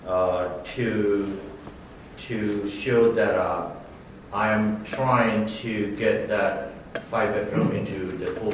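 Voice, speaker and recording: A man's voice: lowish voice, a little hiss or hum. Man speaking in an echoey hall. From Burma. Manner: hesitant, many fillers, non-native phrasing. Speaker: applicant at a township hearing. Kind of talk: formal testimony. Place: township meeting room. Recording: very echoey room, mic far off.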